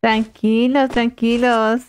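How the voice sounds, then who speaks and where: Brief: high-pitched woman game streamer, chatty and laughing, faint background hiss. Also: flat delivery, slow pace. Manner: chatty, reads chat aloud, laughs often. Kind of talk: casual live-stream chat.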